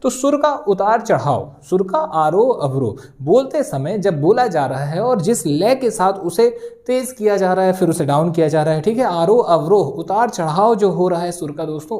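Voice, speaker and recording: A woman's voice: lowish voice, dark tone. A woman teaching an exam-prep grammar lesson, explaining step by step and repeating key terms for students to note down. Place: video lesson recording.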